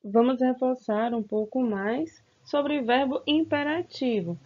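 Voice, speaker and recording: A woman's voice: sits high, slow. A woman teaching a recorded grammar lesson to children, stretching out words and coaxing them with questions. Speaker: school teacher. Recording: slightly dull, lo-fi sound.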